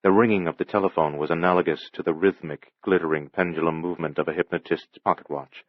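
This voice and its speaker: A man giving a measured, dramatic scripted audiobook narration. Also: deep voice, steady tone, no room sound, dull audio.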